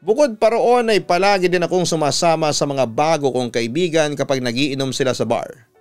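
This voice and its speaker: Over background music, this Filipino man, a radio announcer, delivers a listener's story as dramatic scripted narration. He speaks briskly in a clear, resonant voice that sits on the high side and has a slightly mellow quality.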